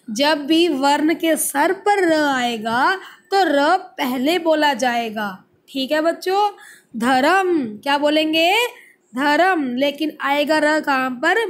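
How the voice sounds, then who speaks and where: A woman's voice: high-pitched, slow. A woman teacher with an Indian accent gives a lesson to young children, patiently sounding out letters, repeating words and asking the class questions that she answers herself. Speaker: school teacher.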